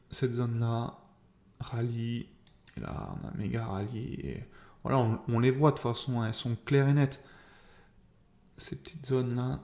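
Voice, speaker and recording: A man talks through an informal debrief in a mellow, fairly flat voice. He has a slight lisp and speaks haltingly, thinking aloud and blaming himself. The room adds noticeable echo. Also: medium pitch. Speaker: trader keeping a video diary.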